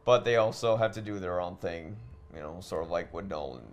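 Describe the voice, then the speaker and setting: A man with a low-sitting voice talks fairly quickly while playing a video game. He's a podcast co-host in a loose, casual chat, speaking informally and swearing.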